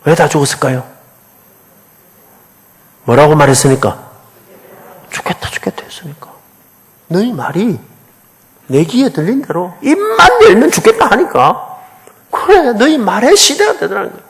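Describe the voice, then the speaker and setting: Animated high-voiced pastor preaching. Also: male voice, normal speed, long pauses. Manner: animated, questioning the congregation. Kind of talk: sermon.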